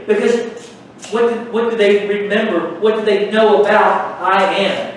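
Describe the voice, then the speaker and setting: Echoey preacher, distant and emphatic. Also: male voice, high-pitched, a little hiss or hum. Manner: emphatic, rhetorical questions. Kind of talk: sermon. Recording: echoey room from far off.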